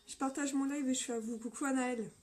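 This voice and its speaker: A woman with a slightly hoarse voice hosting a casual live-stream makeup tutorial on her phone, upbeat and greeting viewers by name. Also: high-pitched, fairly even intonation, fast talker, darkish tone.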